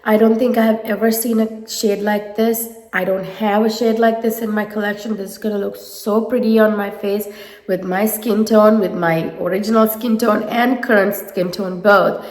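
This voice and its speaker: A woman's voice: medium pitch, steady tone, normal speed, darkish tone, roomy sound, long reverb tail. A woman with a nasal head cold reviewing makeup in a casual, gushing way, talking to her viewers. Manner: gushing, enthusiastic. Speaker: beauty vlogger.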